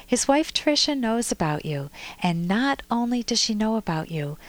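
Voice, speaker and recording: A woman hosting a radio call-in advice show as a psychologist, telling a story in an animated way and acting out a child's voice. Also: a little high, moderate pace, no echo. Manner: animated storytelling, acts out a toddler's voice.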